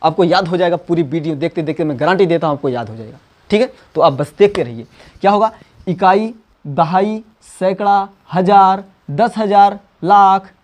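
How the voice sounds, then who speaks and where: A man teaching math, coaxing students and repeating number names slowly. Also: on the high side, a little mellow. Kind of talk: classroom lesson.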